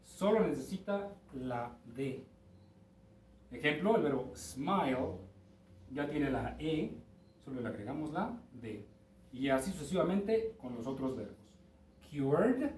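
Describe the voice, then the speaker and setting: Lively Mexican man teaching English grammar. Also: a little high, far from the mic, slight background noise. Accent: Mexican Spanish. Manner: patient, explains step by step, checks in with students. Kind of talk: recorded class lesson. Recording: roomy, from off-mic with faint ambience.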